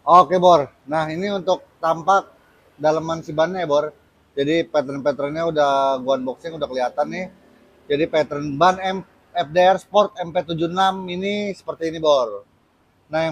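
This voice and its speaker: Male vlog host, Jakarta accent, slightly high husky voice, slangy and chummy product-review delivery. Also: highs cut off. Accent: Jakarta Indonesian. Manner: slangy, chummy address to viewers. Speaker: host of a tyre review channel. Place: busy tyre workshop.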